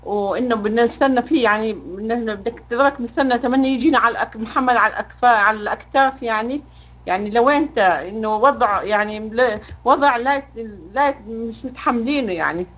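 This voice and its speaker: A woman from Jordan with a Jordanian Arabic accent pleads in a rush of words, her voice set fairly high. She speaks as a mother making an emotional appeal during a live interview. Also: rapid-fire, a bit bright, muffled recording. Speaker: mother of a detained son.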